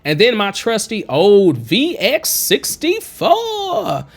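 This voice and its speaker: A man in his thirties takes it slowly in his high, twangy tenor, his pitch swinging hugely as he talks through a casual screen-recorded music production tutorial. He chats, encourages, and digresses from a home studio with a green screen, wearing headphones at a pop-filtered studio condenser mic.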